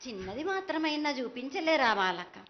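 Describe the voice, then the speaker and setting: A woman's voice: high voice, big pitch swings, moderate pace, faint music behind. A woman with a Telangana accent delivering a ritual prophecy as a mother goddess, chanting her insistent, reproachful declarations. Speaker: temple oracle. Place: temple ritual. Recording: dull lo-fi live event sound.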